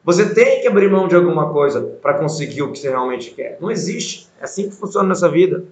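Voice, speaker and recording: A man's voice: fairly high pitch, animated, quick pace. A man giving an informal religious lesson, asking rhetorical questions and acting out little voices. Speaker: religious teacher. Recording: echoey, dull lo-fi sound.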